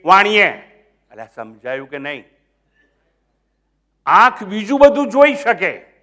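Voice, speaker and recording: An older swami with a high voice and a Gujarati accent gives a spiritual discourse, sinking to near murmurs before rising to loud, emphatic points. He keeps quizzing his listeners and slips English phrases into his talk.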